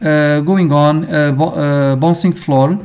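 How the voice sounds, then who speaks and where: Portuguese-accented man, halting and filler-heavy. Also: fairly high pitch, steady tone, darkish tone, smooth. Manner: halting, many fillers, ends phrases with "okay?". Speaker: game design teacher. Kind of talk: informal screen-share lesson.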